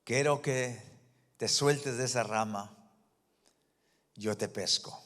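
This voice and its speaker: A calm, deep divine voice speaks slowly and gently to comfort a man in danger, as a preacher puts it on. It sounds quiet and low, with a long echo in a large hall. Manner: slow, calm, reassuring.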